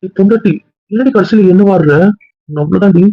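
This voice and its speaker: Man, very fast talker, slightly high voice, clingy, pleading, family banter. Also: creaky, phone-quality sound. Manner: clingy and pleading, calling his wife and friend dear. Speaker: husband in a family skit.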